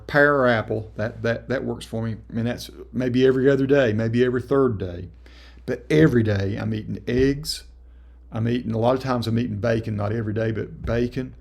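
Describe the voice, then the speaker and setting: A man's voice: mid-range voice, vocal fry, a little mellow. A man in his late fifties talking casually to his viewers in a folksy, rambling way, often correcting himself mid-sentence. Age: 50s. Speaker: vlogger. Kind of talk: casual talk to camera.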